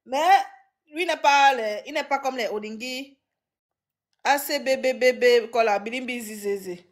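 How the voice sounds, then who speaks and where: A woman with a high, lifted voice hosts a casual live stream. She talks in animated bursts, full of dramatic exclamations. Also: a little slow.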